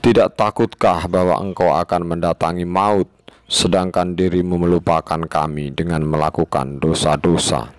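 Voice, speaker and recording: A man voicing a stern, unseen voice from above that reproaches a sinner in a solemn, gravelly tone. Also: low-pitched, fairly even intonation, normal speed, no echo, pitched below the performer's own voice, natural voice. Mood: reproachful.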